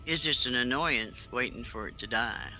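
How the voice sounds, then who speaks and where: A man's voice: medium pitch, normal speed, sharp tone, lo-fi sound, soft background music. A man chatting casually with a friend during a game stream, joking around. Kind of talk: casual chat.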